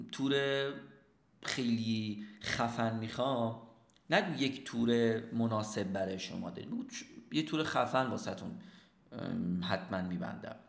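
A man giving a sales lesson, lively, often asking and answering his own questions. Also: mid-range voice, echoey room. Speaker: sales trainer. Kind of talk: instructional talk.

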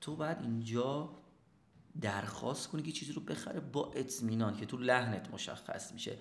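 A man gives a sales lesson in a lively teaching manner. He keeps posing questions and answering them himself. His voice sits at a middle pitch and rings in an echoey room. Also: gravelly. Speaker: sales trainer. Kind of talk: instructional talk.

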